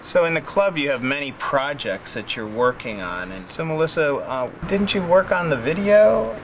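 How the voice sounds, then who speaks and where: A man's voice: fairly high pitch, expressive, moderate pace, slight background noise. A man acting as interviewer, putting questions to his guests.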